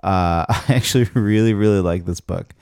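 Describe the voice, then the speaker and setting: A man's voice: sits low, normal speed, a little mellow, clean tone, dry recording, studio quality. A man co-hosting a podcast, presenting a comic with teasing enthusiasm. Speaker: podcast co-host. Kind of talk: casual chat.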